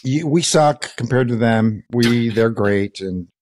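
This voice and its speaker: A man's voice: medium pitch, slow, darkish tone. A man in his sixties co-hosting a casual podcast from his home workshop over a video call, joking and laughing often. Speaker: podcast co-host. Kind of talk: casual chat. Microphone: headphones and studio mic on video call.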